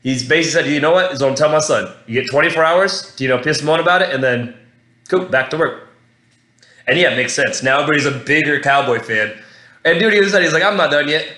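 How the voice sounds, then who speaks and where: A fairly high-voiced man talks through a fight recap in a loose, rambling way, excitable and quick to swear. His sentences stop and restart as he chases his thoughts. The room around him is echoey. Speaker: podcast host. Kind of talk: casual fight recap monologue.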